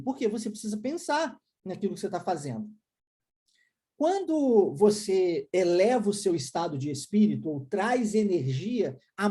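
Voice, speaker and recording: Brazilian woman teacher, mellow warm tone, explains patiently and keeps checking the learner follows. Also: mid-range voice. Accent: Brazilian Portuguese. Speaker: English teacher. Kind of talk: online English lesson in Portuguese.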